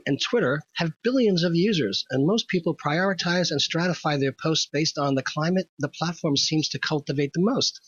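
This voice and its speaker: A man's voice: fairly high pitch, breathy edge, no echo, muffled recording. A man hosting a scripted opinion monologue, wry, wordy and pedantic. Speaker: host.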